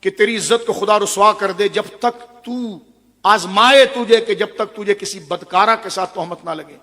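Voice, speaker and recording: A man's voice: high-pitched, bright, forceful tone. A male preacher voicing a devout young hermit who pleads in prayer, torn and beseeching, in a reverberant hall. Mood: tearful.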